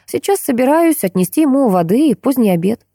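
Young woman, stubborn and caring daughter, soft and level, read by a woman narrator in a higher voice. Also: fairly quick, no room sound, clean studio sound, full character voice. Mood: calm. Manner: quiet, even, gently defiant.

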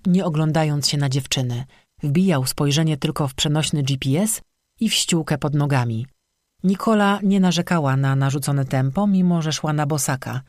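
An audiobook narrator reading a scripted horror story in an even, steady manner. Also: medium pitch, no room sound, studio quality.

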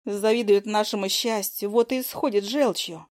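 A woman reading a first-person audiobook in an expressive, vivid way. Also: mid-range voice, moderate pace. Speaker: audiobook narrator.

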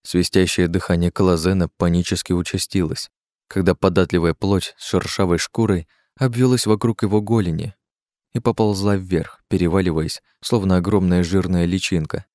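Low-voiced guy narrating an audiobook, steady and measured, dry close mic. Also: no room sound. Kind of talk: scripted narration.

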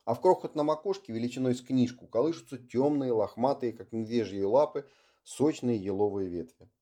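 A man reading an audiobook in a slow, even storytelling manner. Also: mid-range voice. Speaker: audiobook narrator. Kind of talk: scripted narration.

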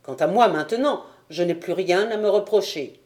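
A woman voicing a weary, stern nobleman commander in a storybook reading, speaking gravely and with reproach. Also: on the low side, moderate pace, darkish tone, close to an everyday voice. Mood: reproachful.

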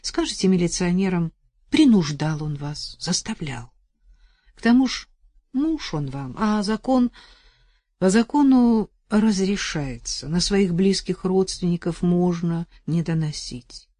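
A woman voicing a level-headed young man who talks calmly and reassuringly, a little weary. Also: on the low side, a little slow, no echo, clean studio sound. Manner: calm, reassuring, a bit weary.

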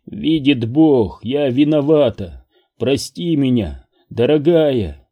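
A man's voice: mid-range voice, sing-song, very slow, highs cut off, exaggerated voice. A man reading an audiobook, voicing a dead woman's spirit who speaks through an entranced man, pleading and tearful. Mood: remorseful. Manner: pleading, tearful, rising to fury.

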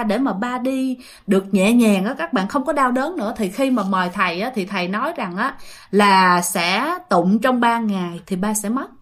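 A woman's voice: fairly high pitch, a bit bright. A woman with a Southern Vietnamese accent, casually retelling ghost stories sent in by listeners, full of chatty fillers. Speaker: ghost story narrator.

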